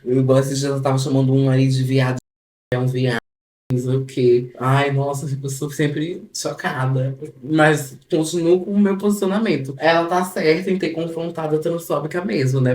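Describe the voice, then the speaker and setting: A woman's voice: rumbling low, a little mellow, echoey room. A woman streamer casually commenting on a clip in a gossipy, teasing way. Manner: gossipy, teasing, laughs at the story.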